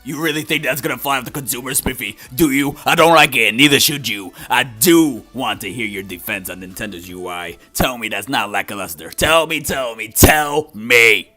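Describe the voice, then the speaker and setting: A man's voice: mid-range voice, very fast, hardly any pauses, pushed and bright, breathy edge, faint music behind. A man playing a grumpy, needling sidekick in a scripted comedic review where he argues with himself. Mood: argumentative. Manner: arguing with himself, confrontational back-and-forth.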